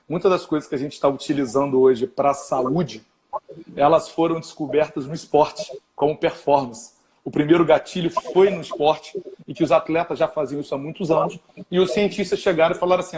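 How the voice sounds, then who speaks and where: A man, a doctor, telling stories and agreeing eagerly in a live-stream conversation. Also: on the high side. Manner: animated, storytelling, agreeable. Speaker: physician and lecturer.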